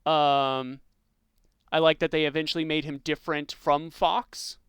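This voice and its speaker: A man hosting a podcast, chatting in a relaxed way about video game characters with lots of ums and likes. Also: on the high side, a little slow, smooth, no echo, studio quality. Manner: relaxed, many fillers like um and like. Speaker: podcast host.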